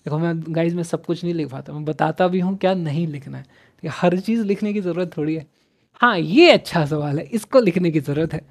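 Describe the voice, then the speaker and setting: A man's voice: a little high, a little fast. Chatty man teaching, repeats himself. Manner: repeats phrases several times in a row; chatty, asks and answers own questions. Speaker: math teacher. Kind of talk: online exam-prep lesson.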